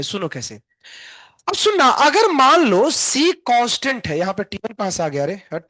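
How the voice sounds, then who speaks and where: A man's voice: very high voice, pushed and bright, no echo, rough recording. A man teaching a live online class, chatty and teasing his students while mixing English terms into his explanations.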